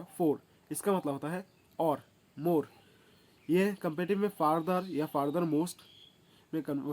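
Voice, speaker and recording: A man with a slightly high voice teaches a grammar lesson in a loose, conversational way. He stops often with filler sounds, corrects himself mid-sentence, and slows right down when he reads the rules out word by word. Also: a little mellow. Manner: hesitant, many filler sounds and self-corrections; reads English rules slowly and deliberately. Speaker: English teacher. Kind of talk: casual explanatory grammar lesson.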